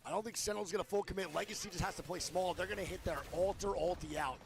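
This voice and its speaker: A man's voice: sits high, quick pace, vocal fry. A man streaming a watch party, giving hyped, swearing play-by-play esports commentary over a game broadcast.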